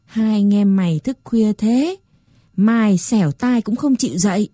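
A woman voicing a stern, wise old grandmother with a soft, weary manner. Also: medium pitch, unhurried, dry recording, clean studio sound, natural voice.

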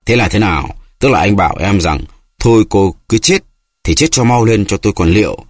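A man's voice: on the low side, animated, fairly quick, no echo, clean studio sound. A man voicing a jealous, tearful wife who keeps accusing her husband, in a reproachful, whining way.

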